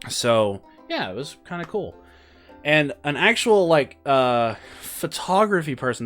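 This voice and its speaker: A young man vlogger telling a story in a casual, rambling way, excitable and full of fillers. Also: mid-range voice.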